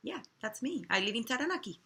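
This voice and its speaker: A woman with a Chilean Spanish accent talks casually and haltingly, stumbling now and then over words. Her voice is bright and clear. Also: fairly high pitch, very animated. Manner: warm, halting, with small slips and restarts. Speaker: co-host. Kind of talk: casual product chat.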